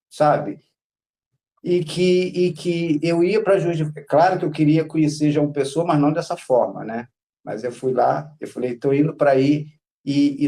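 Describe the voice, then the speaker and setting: A man's voice: a little high, warm tone. A Brazilian man, a podcast guest, telling his story in a rambling, casual way, with lots of filler words. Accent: Brazilian Portuguese.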